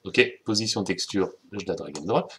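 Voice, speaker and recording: Brief: French male tutor, lowish voice, informal screen-recorded lesson, soft keyboard and mouse clicks behind. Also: moderate pace, slight background noise. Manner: informal, chatty, self-correcting, addresses viewers directly. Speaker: software tutorial instructor.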